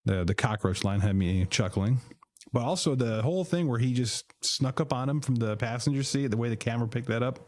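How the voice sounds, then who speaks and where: A podcast co-host with a mid-range, slightly mellow voice talks fairly quickly, recapping shows in a casual, joking style. He often repeats words when starting sentences, and there's no echo on the recording.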